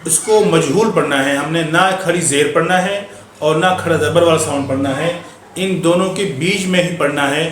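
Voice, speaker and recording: Man teaching Quran recitation, echoey room. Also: fairly high pitch. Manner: patient, repeats and drawls syllables in a chanting voice. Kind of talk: explaining tajweed with chanted spelling. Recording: echoey room with faint hum.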